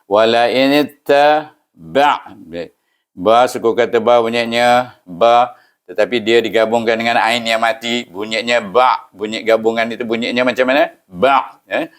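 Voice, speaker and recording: A man's voice: medium pitch, steady tone, a bit bright. Patient Malaysian man teaching Quran recitation. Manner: patient, explains syllable by syllable, slow chanted recitation. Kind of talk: step-by-step recitation lesson.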